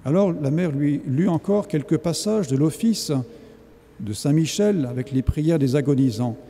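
A man's voice: on the high side, animated, normal speed, dark tone, husky. A man preaching a sermon as a priest, speaking in an earnest, exhorting way. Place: large church. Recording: long church reverb.

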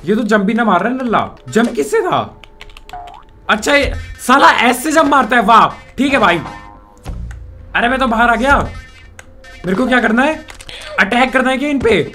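Excitable high-voiced man gaming. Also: normal speed, long pauses, faint music behind. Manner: excitable, jokey, mock-insults the character. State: sore throat. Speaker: gaming YouTuber. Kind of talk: casual let's-play commentary.

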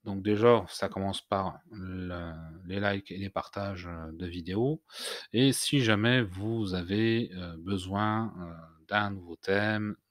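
Hesitant low-voiced man teaching software. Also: fairly even intonation, takes it slowly, dry recording, clean studio sound. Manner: hesitant, many "heu" fillers and restarts. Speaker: tutorial host. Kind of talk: screen-recorded software tutorial.

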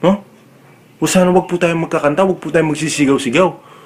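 A man's voice: on the high side, steady tone, fairly quick, slight background noise. Young male comic vlogger, raised voice, exasperated and cursing through a rant. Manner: loud, exasperated, swears freely. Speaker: comedic vlogger. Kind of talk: comedic rant.

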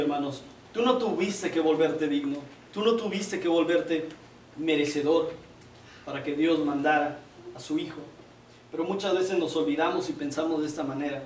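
A man's voice: fairly high pitch, moderate pace, a little hiss or hum. A man preaching a sermon in a conversational, joking way, often asking his listeners "¿verdad?". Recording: echoey, distant room mic, faint ambience.

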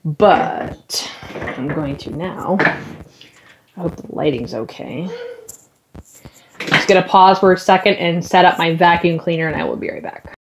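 A woman's voice: fairly low pitch, unhurried, pauses often, heavy background noise. A woman in her thirties chatting upbeat through a casual how-to vlog, filmed at arm's length. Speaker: vlogger. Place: home room and outdoor deck.

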